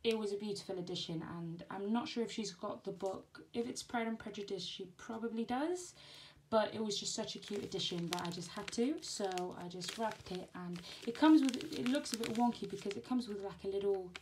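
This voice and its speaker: A woman's voice: medium pitch, brisk, darkish tone, poor audio. A woman vlogger chatting casually as she packs a birthday gift box at home, rambling and correcting herself, recorded on a camera on a tripod. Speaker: crafting vlogger. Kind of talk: casual chat while packing a gift box. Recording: clear background noise and handling clicks.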